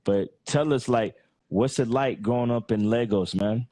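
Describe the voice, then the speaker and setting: A man's voice: mid-range voice, moderate pace, warm tone, no echo. Laid-back Texan man hosting a podcast. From Texas, United States. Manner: laid-back, friendly, lots of filler phrases. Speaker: podcast host. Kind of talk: casual interview.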